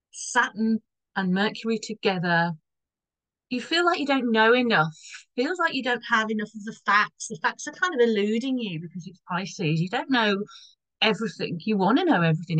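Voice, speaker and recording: Croaky-voiced woman explaining astrology. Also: mid-range voice, a bit bright, no room sound, rough recording. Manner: rambling, loses her thread and corrects herself.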